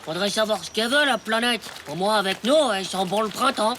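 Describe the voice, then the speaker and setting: A woman's voice: mid-range voice, fast, noisy background, natural voice. A woman voicing Titeuf, a cheeky, boastful schoolboy in a cartoon, who talks in cocky, complaining kid slang. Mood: scheming. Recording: cartoon soundtrack with music behind.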